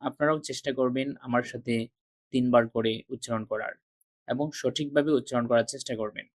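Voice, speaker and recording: A man teaching Arabic letter pronunciation, repeating each sound slowly and carefully, with patient classroom explanations. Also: medium pitch, steady tone, dry recording, studio quality. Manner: drills each sound three times with careful articulation. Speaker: Quran reading teacher. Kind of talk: slow, deliberate recitation lesson.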